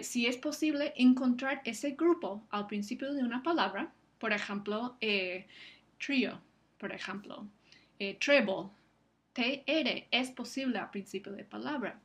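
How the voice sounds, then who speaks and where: A woman giving a recorded lecture, explaining syllable division and slowly enunciating example words. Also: a little high. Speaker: Spanish phonetics lecturer.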